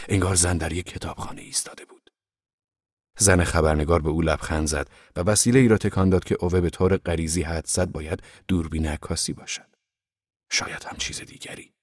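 A man narrating a novel as an audiobook in a calm, measured reading. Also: low voice, no echo, clean studio sound.

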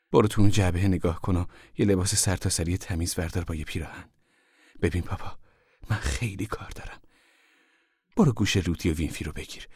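A deep-voiced male narrator plays a brisk, stern mother in an audiobook, handing out orders without pause. Her tone sits somewhat higher than his own. The sound is dry and intimate. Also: a little mellow, slightly rough, dry recording. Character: brisk, firm mother of a poor family. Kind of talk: audiobook character voice.

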